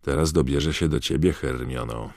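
A man voicing a nervous teenage boy wizard in an audiobook, speaking quietly and fearfully. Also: very deep voice, normal speed, breathy edge, no echo, clean studio sound, exaggerated voice. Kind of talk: audiobook character voice.

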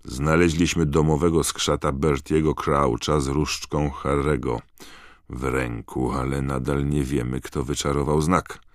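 A man voicing a tired, impatient middle-aged father who speaks briskly and curtly, in an audiobook. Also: a bass voice, level tone, no room sound, clean studio sound. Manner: brisk, clipped.

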